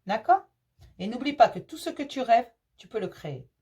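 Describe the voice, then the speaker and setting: Reassuring woman medium, slightly high voice. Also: very animated, normal speed, dark tone, breathy edge, muffled recording. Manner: reassuring, calls the listener "mon petit chéri"; chatty, with frequent fillers and repeats. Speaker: medium and tarot reader. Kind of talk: casual spoken tarot reading.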